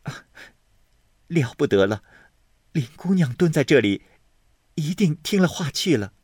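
Male reader voicing young maidservant, eager and deferential, raised lively pitch, dry booth. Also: normal speed, dry recording. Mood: anxious. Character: quick clever young maidservant.

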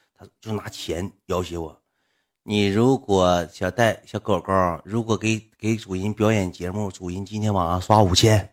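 A man's voice: low voice, breathy edge. A livestreamer man telling a rambling personal story in blunt, earthy slang. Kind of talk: casual storytelling.

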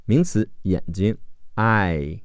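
A man leads an English phonics vocabulary lesson in a rather low voice with lively, swinging pitch. He spells out letter groups, then drawls each word twice as a model. His speech is unhurried and the sound is close and dry. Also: clean tone, dry recording. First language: Chinese. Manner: slow, drawn-out model pronunciations of each word. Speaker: English teacher.

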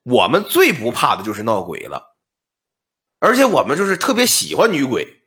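A man's voice: mid-range voice, huge pitch swings, moderate pace, fairly bright tone, voice pushed down. A man voicing a bold young male scholar in a told story, boasting with a playful swagger. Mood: boastful.

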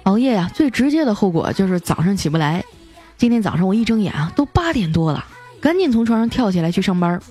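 A woman hosting a radio show, telling comic jokes in an animated storytelling way and playfully acting out the people in her stories. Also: medium pitch, fast, soft background music.

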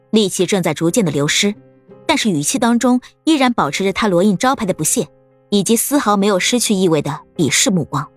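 A woman narrating an audiobook story in a steady, expressive storytelling manner. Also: mid-range voice.

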